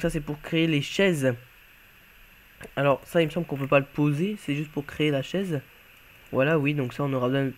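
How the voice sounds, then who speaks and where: A man's voice: on the high side, slight background noise. A man giving casual gameplay commentary as he shows off a game mod, talking offhandedly and thinking aloud while he plays. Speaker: YouTuber showcasing a game mod.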